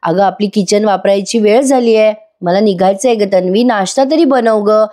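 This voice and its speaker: A woman's voice: medium pitch, normal speed, warm tone, natural voice. A woman voicing an exasperated young husband who coaxes his wife to get up. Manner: coaxing, exasperated.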